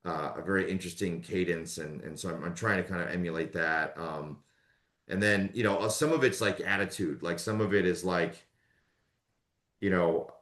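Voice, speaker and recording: An audiobook narrator speaks casually in an interview, rambling along with many filler words in a relaxed manner. His voice is low-pitched and moves at a normal speed, with noticeable reverberation.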